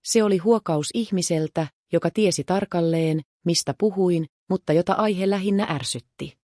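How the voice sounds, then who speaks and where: A woman reads a first-person story as a narrator, calm and measured. Her voice sits low and mellow. The recording is close and dry, with no room sound. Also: no room sound.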